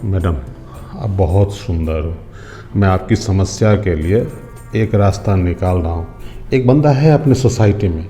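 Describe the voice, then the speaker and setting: A humble, honest security guard in middle age. His voice sits low and mellow, and he speaks politely. The scene is from a scripted short drama. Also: measured pace, faint music behind. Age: middle-aged. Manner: polite, respectful, pleading.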